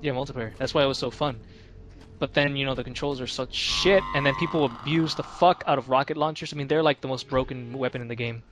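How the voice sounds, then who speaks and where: A man's voice: mid-range voice, fairly even intonation, quick pace, a bit bright, faint music behind. Laid-back man chatting over a game. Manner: laid-back, swears a lot, many fillers. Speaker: let's play commentator. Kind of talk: casual gaming chat.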